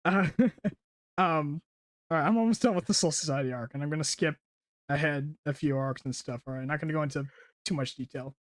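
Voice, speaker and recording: Excited man retelling anime plot. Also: a little high, a little fast, no echo, studio quality. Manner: excited, rambling retelling with restarts. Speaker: podcast host. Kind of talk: casual storytelling recap.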